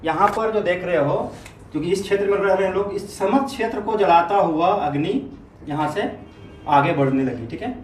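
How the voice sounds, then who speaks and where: A male history teacher with a high voice gives a classroom lecture, frequently checking that students follow with quick questions and repeating key terms for emphasis. He was recorded from a distance in an echoey room with faint noise.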